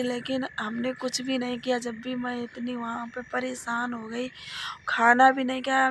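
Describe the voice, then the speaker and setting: A woman vlogging while sick, hoarse and coughing, straining and tired as she talks into a phone while out walking. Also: a little high, a bit bright, slight background noise. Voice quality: coughing often. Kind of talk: casual vlog chat. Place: village road outdoors at dusk.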